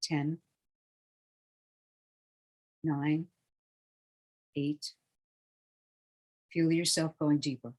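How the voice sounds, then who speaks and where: In a low-quality recording, a meditation guide leads a guided relaxation. The medium-pitched voice stays level, slow, soothing and hushed, trailing off softly as phrases end.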